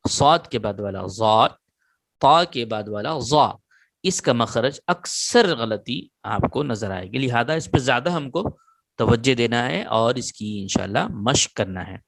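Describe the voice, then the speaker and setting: A man at a middle pitch gives a patient recorded lesson on reading letters. He drills each sound slowly and repeats it so students can take notes. The sound is close and dry. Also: lively intonation, creaky, a bit bright, dry recording. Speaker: Quran reading teacher. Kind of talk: online lesson.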